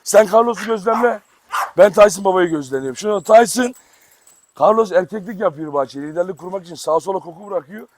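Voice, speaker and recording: A man chats to his viewers and coaxes his dogs affectionately while hosting a casual dog-farm vlog outdoors in a yard. His high, slightly mellow voice is animated and fast. The outdoor audio is noisy.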